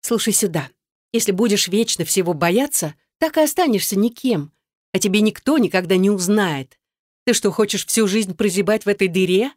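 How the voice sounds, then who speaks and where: A woman reading an audiobook voices a pushy, scornful young woman who bosses and mocks her friend, raising her voice higher for the part. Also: lively intonation, normal speed, darkish tone, dry recording, studio quality, close to an everyday voice. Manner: bossy, mocking, then coaxing.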